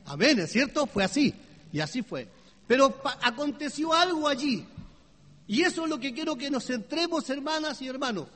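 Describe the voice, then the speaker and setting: High-voiced preacher in a reverberant hall. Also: male voice, sing-song, moderate pace. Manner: swings between hushed low tones and loud high exclamations; asks the congregation questions. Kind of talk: sermon.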